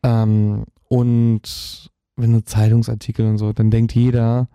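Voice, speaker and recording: Young german guy rambling on a podcast, really dark voice, dry sound. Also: medium pitch, completely flat delivery, slow, clean tone, no room sound. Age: young adult. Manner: rambling, searches for words, many fillers. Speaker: guest, hobby DJ. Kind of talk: casual podcast interview.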